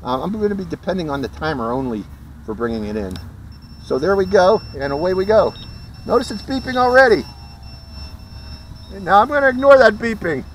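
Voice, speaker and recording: A man's voice: high voice, very animated, fairly quick, pauses often, slight background noise. A man casually reviewing a small racing drone in a folksy, chatty way, with fillers and light laughs. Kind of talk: casual product review and flight commentary. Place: outdoors during flight.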